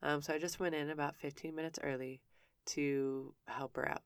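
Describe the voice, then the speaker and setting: A woman's voice: deep voice, fairly even intonation, normal speed, smooth, dry recording, studio quality. A woman telling a personal story in a frank, conversational way, often stopping and restarting her sentences. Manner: candid, frank with casual swearing; self-interrupting with frequent restarts.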